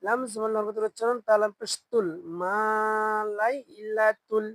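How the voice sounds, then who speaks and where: A Quran reading teacher with a Bangladeshi Bengali accent who spells each word letter by letter, chants it slowly and asks learners to repeat after them. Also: mid-range voice, little pitch movement, low-quality recording. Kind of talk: slow spelled-out recitation lesson.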